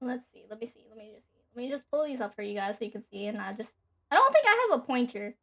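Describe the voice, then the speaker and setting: A woman's voice: a little high, sing-song, fast, gravelly, a bit bright. A young woman streamer chatting casually and rambling with lots of fillers. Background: faint background music.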